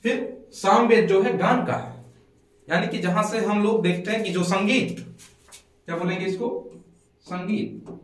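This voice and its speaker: A male teacher giving a classroom lecture, asking questions and answering them himself, repeating key words slowly for students to write down. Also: high voice, fairly even intonation. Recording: echoey room, mic far off.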